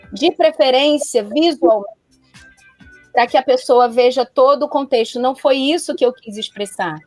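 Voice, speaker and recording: A woman speaks in a fairly high voice and gives earnest, emphatic advice. She repeats her warnings to drive them home. The sound is dry and close, with faint music underneath. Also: a little mellow, dry recording. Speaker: guest counselor. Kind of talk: live-stream talk show advice.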